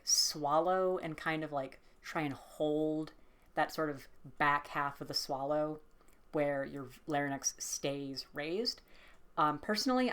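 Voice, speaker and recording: A woman casually explaining voice training exercises, relaxed and hesitant with many fillers. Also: low-pitched. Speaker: voice training tutor. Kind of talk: casual instructional vlog.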